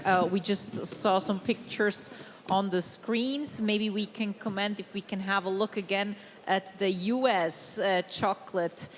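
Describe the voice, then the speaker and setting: A woman presenting a live broadcast, moderating and asking her guests questions. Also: mid-range voice. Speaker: studio presenter. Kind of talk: live studio hosting. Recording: long hall reverb.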